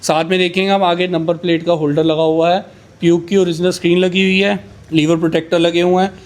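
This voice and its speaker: A man's voice: high-pitched, level tone. Boastful bike dealer man. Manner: boastful, rapid price countdowns. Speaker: used superbike dealer. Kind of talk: casual sales pitch.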